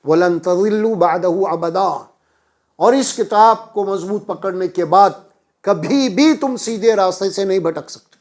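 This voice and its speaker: A man's voice: high-pitched, darkish tone. A man preaching a Quran lesson, explaining verses and raising his voice for emphasis. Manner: preaching with rising emphasis, chanting Arabic verses.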